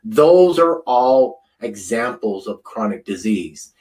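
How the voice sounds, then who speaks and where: A man's voice: medium pitch, expressive, takes it slowly, darkish tone. A man in his fifties, a food scientist giving an informal wellness presentation, rambling and chatty with many fillers, close to the camera mic. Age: 50s.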